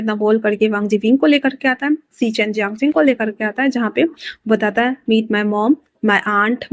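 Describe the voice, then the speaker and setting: A woman's voice: fairly high pitch, no room sound. Chatty woman narrating a story, dry close mic. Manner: chatty, breaks in with own excited asides. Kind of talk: casual fan-fiction narration with character lines.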